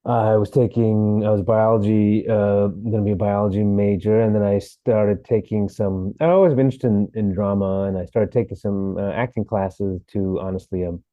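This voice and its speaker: Low-voiced man on a phone-like line. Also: normal speed, hardly any pauses, dry recording. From Sri Lanka. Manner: relaxed storytelling with laughs and fillers. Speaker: guest, actor. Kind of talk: interview.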